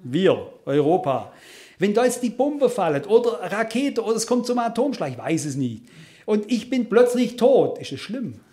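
Man, preacher, high voice, earnest, emphatic, addresses congregation directly. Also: big pitch swings, moderate pace, warm tone. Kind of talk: sermon to a congregation.

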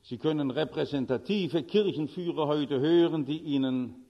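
A man's voice: a little high, normal speed, in a large hall, muffled recording. A male preacher giving a sermon, telling vivid stories and delivering urgent warnings.

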